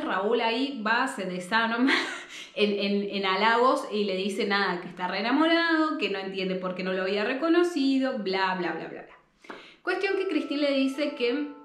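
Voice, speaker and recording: A chatty woman with a Rioplatense accent retells a classic novel, full of fillers and asides to her viewers. Her voice sits fairly high. The room adds a roomy echo, and faint music plays underneath. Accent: Rioplatense Spanish. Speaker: book narrator. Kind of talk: casual story retelling.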